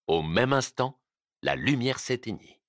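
A man narrating a ghost story in a dramatic, expressive reading. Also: mid-range voice, measured pace, no echo, studio quality.

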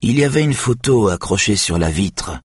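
A man reading an audiobook, voicing a calm, observant male detective who reasons aloud. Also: lowish voice, normal speed, husky, no room sound, studio quality, voice pushed up.

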